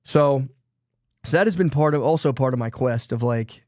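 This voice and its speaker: A man's voice: medium pitch, moderate pace, darkish tone, no echo, clean studio sound. A man co-hosting a podcast, talking in a rambling, self-deprecating way, swearing casually and saying "dude" often. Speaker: podcast co-host.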